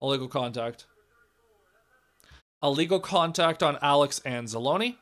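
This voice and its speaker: A young man with a hoarse, raspy voice that cracks gives casual live play-by-play, reacting to the game and swinging between loud calls and low muttering. He keeps a measured pace.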